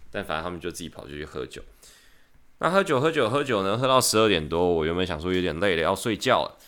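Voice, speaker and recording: Fast-talking deep-voiced Taiwanese young man. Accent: Taiwanese Mandarin. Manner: lively anecdote-telling with slangy curses. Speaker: podcast co-host. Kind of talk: casual chat, storytelling.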